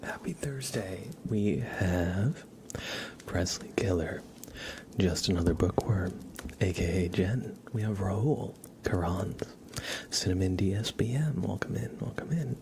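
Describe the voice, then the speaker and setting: Close to a sensitive microphone, an ASMR livestream host whispers and speaks softly, offering greetings and chat in a gentle, affectionate way, like cooing at a pet. The voice is low-pitched, creaky and measured in pace, with some background noise.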